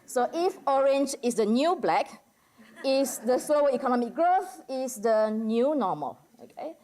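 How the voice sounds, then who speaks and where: This conference discussant is a woman from Medan, Indonesia, whose Indonesian accent colors a casual academic presentation meant for a general audience. She pauses often and scatters "like" and "you know" throughout. Her voice leans high and sounds a little mellow.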